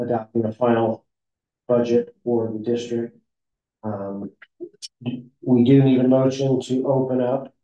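A man's voice: medium pitch, mellow. Man chairing a meeting over a call line. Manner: measured, with frequent uh and um fillers. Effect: heard over a remote call line that breaks up. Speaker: district counsel chairing a board meeting. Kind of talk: formal procedural meeting chairing. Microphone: remote call audio. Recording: muffled echoey call audio.

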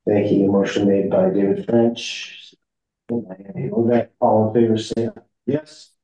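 A man serving as district counsel, chairing a formal board meeting in a measured way with frequent fillers, his voice heard over a remote call line that breaks up. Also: fairly low pitch, level tone, mellow. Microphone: remote call audio. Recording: muffled echoey call audio.

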